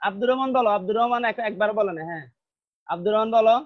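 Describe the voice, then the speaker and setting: A Bangladeshi-accented man leads a classroom pronunciation lesson, saying each word over and over and drilling the sounds. The recording is a little dull and muffled. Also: high voice. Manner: slow, repeats words many times, drills sounds. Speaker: English teacher.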